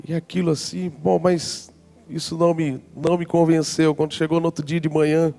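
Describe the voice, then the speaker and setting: A man in his forties, a pastor telling a personal story in a lively sermon. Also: a little high, normal speed, gravelly. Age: 40s. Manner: lively storyteller acting out his own past reactions. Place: church conference hall.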